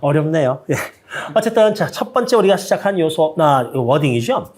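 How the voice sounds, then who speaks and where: Higher-voiced man hosting an educational interview. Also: big pitch swings, normal speed, darkish tone. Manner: inquisitive, summarizes and checks back. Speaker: host.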